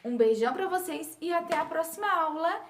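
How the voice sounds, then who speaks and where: A woman teaching a recorded lesson to young children, telling and explaining in a slow, sing-song way with drawn-out words. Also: extremely high pitch, expressive, slight background noise. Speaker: primary school teacher. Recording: echoey room.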